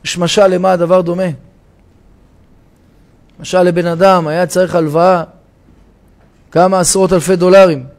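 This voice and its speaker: A rabbi giving a sermon in a synagogue, telling a parable with dramatic shouts and changes of voice. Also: male voice, high-pitched, little pitch movement, long pauses. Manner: dramatic storytelling, shouting the parable's cries for help.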